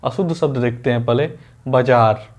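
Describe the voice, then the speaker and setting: A man leads an exam-prep spelling lesson in an instructive teacher's voice. He repeats each word over and over and quizzes his students with quick questions. He also works in everyday example sentences. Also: mid-range voice, animated.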